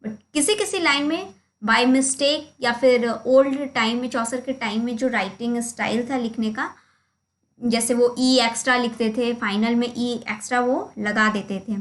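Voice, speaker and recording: A woman's voice: on the high side, normal speed, a bit bright. A woman teaching a literature lesson, explaining a slide step by step and calling out stressed and unstressed syllables. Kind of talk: slide lecture in Hindi mixed with English.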